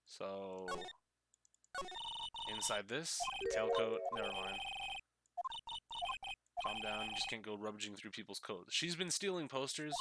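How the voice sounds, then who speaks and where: A man's voice: on the low side, heavy background noise. A man giving casual commentary as he plays through a video game. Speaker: video game let's player.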